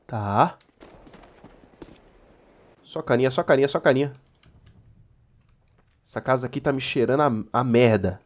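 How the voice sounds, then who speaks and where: A man with a Brazilian Portuguese accent hosting a let's play, joking and yelling during firefights and haltingly reading mission text aloud. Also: medium pitch. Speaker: gaming channel host.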